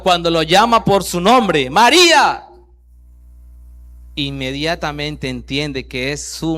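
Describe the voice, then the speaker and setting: A man preaching a sermon, reading scripture aloud and breaking in with rhetorical questions, swinging from loud bursts down to very soft lines. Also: fairly high pitch. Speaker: pastor.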